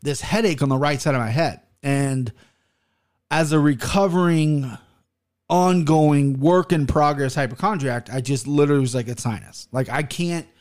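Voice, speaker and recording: American male podcast host, slightly high-pitched, mouth barely open as he talks, blunt, rambling, casual. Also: normal speed, darkish tone. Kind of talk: casual solo podcast talk.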